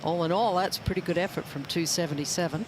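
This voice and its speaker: A man doing live golf commentary in a casual, conversational way. His voice sits a little high. Clear outdoor background noise runs behind him as he reads shots and chats through asides. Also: quick pace.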